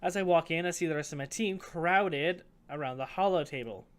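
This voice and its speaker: A young man streaming a visual novel, reading the narration aloud with animated joking asides. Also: fairly high pitch, brisk.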